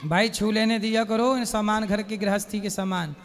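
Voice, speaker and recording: High-voiced man giving calm counsel. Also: normal speed. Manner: calm, direct counsel with short probing questions. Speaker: spiritual guru answering questions. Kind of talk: question-and-answer session at a religious discourse. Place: large hall before an audience. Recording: reverberant hall.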